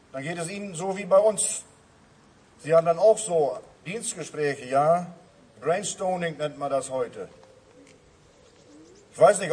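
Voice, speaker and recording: A man's voice: fairly high pitch, a little mellow, husky, distant mic, rough recording. A man preaching a sermon to his congregation, earnest and repeating his refrains. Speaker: pastor.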